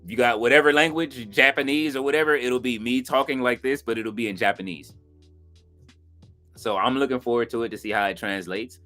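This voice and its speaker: A man's voice: mid-range voice, brisk, faint music behind. Chatty man hosting a stream. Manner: loose and chatty, fillers like "you know what I'm saying"; bursts of excited reaction. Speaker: watch-along stream host. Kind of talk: casual live-stream chat, reading viewer comments.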